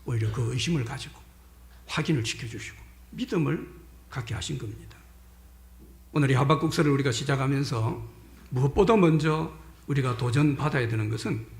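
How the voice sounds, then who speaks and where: Animated male pastor preaching in an echoey church. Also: medium pitch. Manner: emphatic preaching that swings between loud stresses and hushed whispers; addresses the congregation directly with rhetorical questions. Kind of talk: sermon. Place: church sanctuary during a Sunday service.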